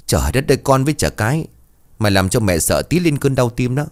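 A man voicing a stingy, scolding middle-aged village mother who nags in a fast, sharp way. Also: sing-song, lightly acted. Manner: nagging, shrill scolding.

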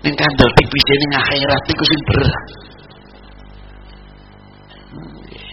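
A man with a Javanese accent preaching a sermon, swinging between loud exhortation and low murmurs. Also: little pitch movement, normal speed, creaky. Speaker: Islamic preacher. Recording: dull lo-fi recording with noise.

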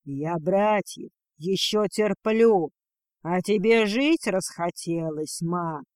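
A man's voice: sits high, slow pace, no echo, studio quality. A man voicing a stern, possessive male dragon lord who speaks coldly and curtly in a storybook reading. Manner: cold, curt, clipped.

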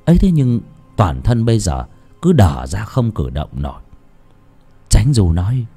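Slow, expressive male storyteller. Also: fairly low pitch, husky, faint music behind. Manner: unhurried, dramatic, expressive storytelling. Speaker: audiobook narrator. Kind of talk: scripted story narration.

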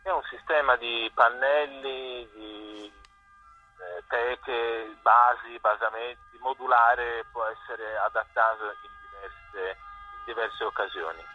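Soft music plays behind a middle-aged man whose mid-range voice stays fairly even at a slow pace. He's a visual artist being interviewed, and over muffled, phone-like radio audio he answers conversationally, pausing and repeating as he reaches for words.

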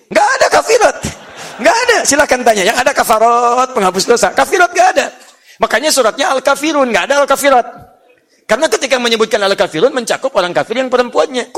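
A man preaching a sermon to a congregation, animated and playful, often laughing and mimicking how others speak. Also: high-pitched. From Indonesia.

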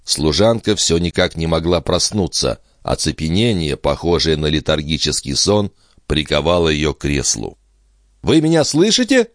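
A man narrating a classic novel as an audiobook in a dramatic, measured way. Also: very deep voice, no room sound, clean studio sound.

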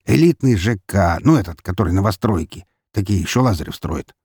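A man voicing a brash, crude, teasing male police investigator, loud and boisterous. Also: sits low, lively intonation, brisk, slightly rough, no echo, clean studio sound, full character voice.

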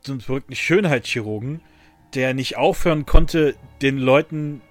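A man's voice: medium pitch, normal speed, soft background music. A man hosting a casual podcast, talking loosely with many fillers and restarts and laughing often. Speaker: podcast host.

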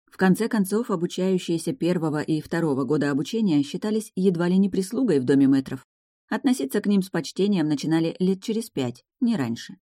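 A woman narrating a first-person fantasy audiobook in a lively, expressive way. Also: fairly low pitch, dry recording, clean studio sound.

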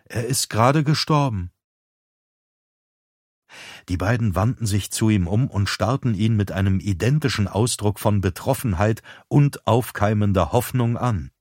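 A man with a fairly low voice reads a novel aloud in a calm, even manner. The sound is close and completely dry, with no room echo. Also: normal speed, few pauses. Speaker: audiobook narrator. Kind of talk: scripted narration.

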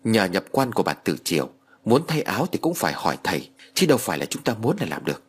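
A man voicing a calm older uncle who gives firm, measured instructions to the family. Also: on the low side, breathy edge.

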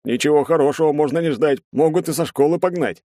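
A man's voice: a little high, mellow, no echo, clean studio sound, voice pushed up, lightly acted. Man doing an anxious young student. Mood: urgent. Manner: urgent and hurried. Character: anxious, cautious young male student Yelisey. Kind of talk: audiobook narration.

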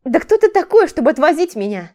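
A defiant young ex-wife hurls indignant retorts in a raised, high voice, as a woman narrator acts her out. Her anger sits loud over a mellow, warm tone. It is an audiobook romance scene. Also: sing-song, quick pace. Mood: shouting. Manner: shouting, indignant, sharp retorts.

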